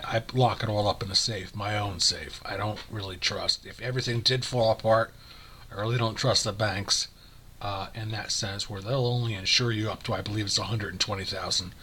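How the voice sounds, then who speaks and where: Man, casual home vlog, bright tense voice, rambling, chewing between words, faint noise behind. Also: medium pitch. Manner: frank, rambling, eating while talking. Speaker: vlogger. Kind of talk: casual talk to camera. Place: home room.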